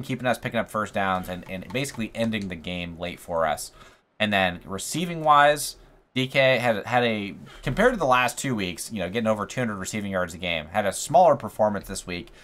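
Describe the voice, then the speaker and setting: Male gaming creator, low-pitched, slightly worn voice, excitable sports-style commentary into a condenser mic. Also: brisk. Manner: excited, rises in pitch on big plays. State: slightly losing his voice. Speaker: gaming YouTuber. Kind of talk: play-by-play commentary of a football video game. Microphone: USB condenser mic.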